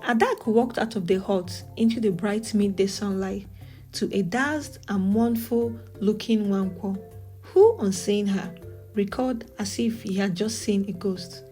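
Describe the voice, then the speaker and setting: A woman's voice: medium pitch, dark tone. Nigerian woman narrating a dramatic folktale. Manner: dramatic, measured storytelling. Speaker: storyteller. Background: faint music.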